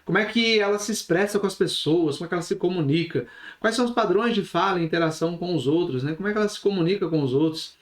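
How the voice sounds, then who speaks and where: Lively man teaching, echoey room. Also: sits high, quick pace. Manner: lively, shifts pace and volume on purpose, asks listeners questions. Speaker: instructor. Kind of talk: recorded online lesson.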